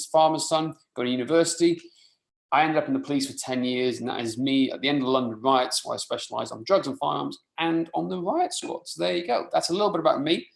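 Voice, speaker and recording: A fitness coach from rural mid Wales, a Welsh first-language speaker, presents an informal live webinar online. His male voice is fairly high and creaky, and the audio sounds roomy and echoing.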